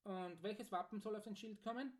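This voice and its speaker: A man's voice: high-pitched, normal speed, voice pushed up, natural voice. A man voicing a cheerful, proud blacksmith in an audiobook story. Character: cheerful, proud middle-aged male blacksmith. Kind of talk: audiobook character voice.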